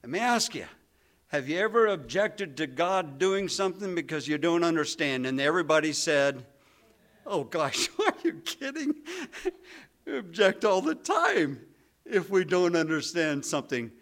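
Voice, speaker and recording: A man preaching a sermon, animated and acting out the voices of biblical figures as he talks. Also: fairly high pitch, moderate pace. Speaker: pastor.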